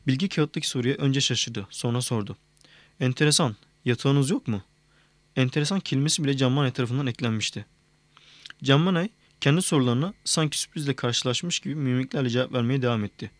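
Measured male audiobook narrator. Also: mid-range voice, no room sound. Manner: even, measured reading. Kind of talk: scripted narration.

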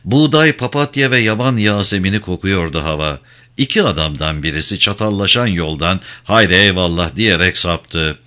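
Man, story narrator, scripted reading, lively intonation, bright tone, fairly low voice. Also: moderate pace. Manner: expressive, literary storytelling.

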